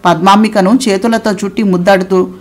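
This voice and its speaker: A woman narrating an audio novel in a steady storytelling read. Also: mid-range voice, brisk.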